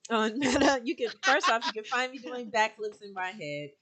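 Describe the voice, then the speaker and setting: A woman's voice: on the high side, moderate pace, a crowd in the background. A woman co-hosting a casual gaming podcast, playful and giggly. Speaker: podcast co-host. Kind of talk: casual chat.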